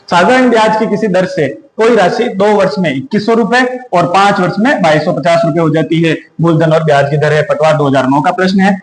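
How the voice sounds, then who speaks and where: High-voiced maths teacher, echoey room. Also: male voice, a little hiss or hum. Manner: works through sums step by step, asking and answering himself. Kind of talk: exam-prep maths lesson.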